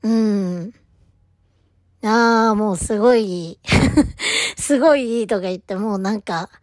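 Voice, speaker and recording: A woman's voice: mid-range voice, unhurried, no room sound, studio quality. A woman talking casually to camera as a fan, gushing and rambling about her favorite idol, sometimes dropping almost to a whisper. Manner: gushing, rambling, drops to near-whisper at times. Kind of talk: casual solo talk to camera.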